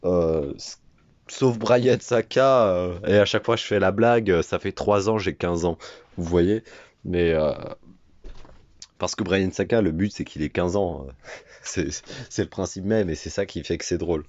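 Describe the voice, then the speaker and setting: A teenage man speaks to his audience in a casual, hesitant way with many filler sounds. His voice is low for a man his age. The recording is dry and slightly lo-fi. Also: unhurried, darkish tone, no echo. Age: teens. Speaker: gamer and video creator. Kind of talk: casual talk to viewers.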